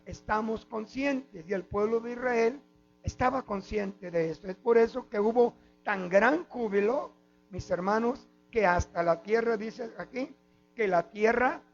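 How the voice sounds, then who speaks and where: A man with a Mexican Spanish accent preaching a sermon as pastor, often stopping on "amen" and addressing the congregation as brothers. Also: high-pitched. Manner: preaching with repeated "mis hermanos" and "amén". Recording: dull lo-fi with mains hum.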